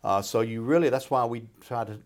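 A man's voice: mid-range voice, a little fast, a little mellow. A man speaking as a financial expert, explaining in an informal, folksy way and checking in as he goes. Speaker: retirement planner and radio show expert. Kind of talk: conversational explaining.

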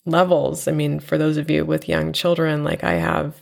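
A woman hosting her own podcast from home, talking in a reflective, unhurried way with a nasal voice from a cold. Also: deep voice, flat delivery, gravelly. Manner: reflective, unhurried, with fillers and soft laughs. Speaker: podcast host and teacher. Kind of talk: personal podcast monologue. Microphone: home podcast mic.

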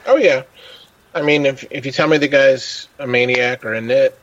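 A man's voice: mid-range voice, steady tone, moderate pace, a bit bright, lo-fi sound. A man chatting casually as a podcast host, telling stories and acting out the people he quotes. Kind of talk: casual chat.

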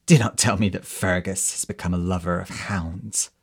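Storybook sorceress, female, cold and gloating, slow and soft-spoken, played by a male storyteller with a deep, husky voice. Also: fairly even intonation, full character voice. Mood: mocking.

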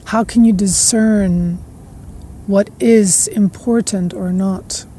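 The host's medium-pitched voice stays fairly even in intonation, with slight background noise, as she reflects at length in a spiritual podcast monologue. Her musing is slow, dotted with soft laughs and trailing repetitions.

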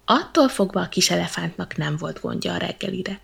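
A woman reading a children's bedtime story with lively, playful narration. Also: lowish voice, vocal fry, slightly rough.

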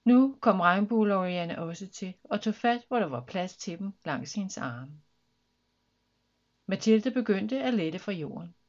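A woman reading a children's story aloud with lively, expressive narration. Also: mid-range voice, dull audio.

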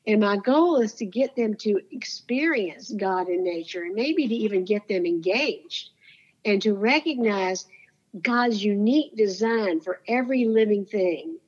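In lo-fi audio, a female interview guest tells stories in a soothing, heartfelt, earnest manner during a casual conversation. Her mid-range voice has a darkish tone and sounds animated but unhurried.

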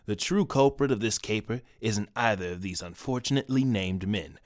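A man's voice: on the low side, moderate pace, no echo, lightly acted. Guy doing a smug clueless detective, dry close sound. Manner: smug, pompous, oblivious. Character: pompous bumbling male detective. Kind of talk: comedic audio drama.

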